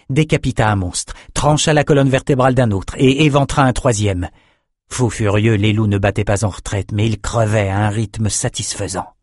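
Steady male audiobook narrator, dry close sound. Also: medium pitch, breathy edge, no room sound. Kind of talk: scripted narration.

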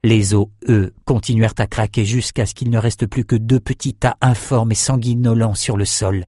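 A man narrating a dark fantasy novel in a steady, even reading voice. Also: lowish voice, moderate pace, slightly rough, no echo, studio quality. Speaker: audiobook narrator.

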